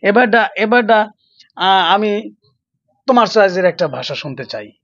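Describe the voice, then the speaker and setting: A man's voice: high voice, very animated, a little slow, fairly bright tone, dry recording. A man from Gopalganj, Bangladesh, hosting a casual interview, addressing viewers and prompting his guest with hesitant fillers. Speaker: interview host. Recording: dull, dry lo-fi sound.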